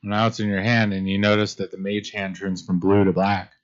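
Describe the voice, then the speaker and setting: A man narrating as game master in a relaxed, casual way, full of fillers. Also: on the low side, a little fast. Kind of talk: narrating a tabletop game on a live stream. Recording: muffled lo-fi stream audio.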